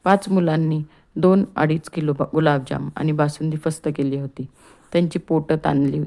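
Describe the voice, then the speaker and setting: A woman narrating an audiobook chapter in a calm, steady reading voice. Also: sits low, normal speed, gravelly. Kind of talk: scripted storybook narration.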